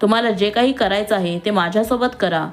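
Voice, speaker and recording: A woman's voice: mid-range voice, a little fast, soft background music, lightly acted. A woman voicing a young man who protects his family and talks in an earnest, pleading way.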